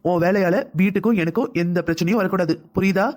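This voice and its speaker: A man's voice: high voice, fairly even intonation, fast, a little mellow, close to an everyday voice. A man voicing a cautious young husband in a family cartoon, firmly lecturing his wife. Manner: firm, lecturing. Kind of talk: cartoon voice acting.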